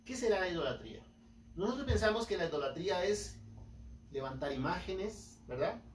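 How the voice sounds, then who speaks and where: A man's voice: high voice, lively intonation, moderate pace, slight background noise. A man preaching a sermon as pastor, rising emphatically and acting out quotes. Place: church hall. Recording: echoey room, voice from far off.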